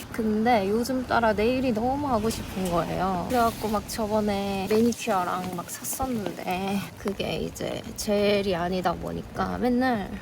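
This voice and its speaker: Chatty woman vlogger with a creaky voice. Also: medium pitch, noisy background. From Korea. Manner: chatty and rambling, with many fillers. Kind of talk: casual vlog talk to camera.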